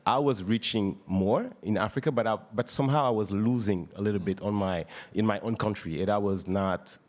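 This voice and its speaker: A man from Senegal speaks as a guest on a live radio show, talking casually about his music. His voice sits a bit low and he pauses often, filling gaps and restarting his sentences. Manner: halting, many fillers and restarts. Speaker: rapper guest. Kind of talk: casual interview talk. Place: live radio session at an event.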